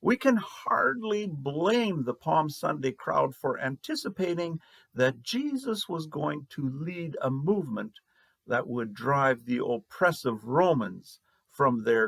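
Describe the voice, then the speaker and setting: A man preaching a sermon as pastor, slow and measured with long pauses. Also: fairly high pitch, gravelly, a bit bright, slightly rough, dry recording.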